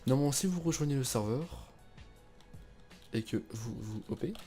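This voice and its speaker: Young guy doing a chill tutorial, mellow voice, lots of euh and restarts, faint music behind. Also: mid-range voice, normal speed. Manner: chatty, relaxed, lots of fillers and restarts. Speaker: tutorial host. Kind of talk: casual screen-recorded game server tutorial.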